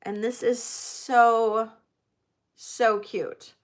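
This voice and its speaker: A woman's voice: on the high side, little pitch movement, drawn-out words. A middle-aged woman working as a casual auctioneer on a live sale, chatting and addressing bidders by name.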